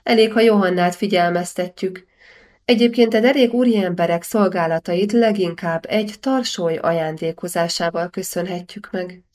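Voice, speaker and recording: A woman's voice: lowish voice, a little mellow, close to an everyday voice. A woman voicing a scheming, passionate young medieval princess in an audiobook, teasing and self-assured.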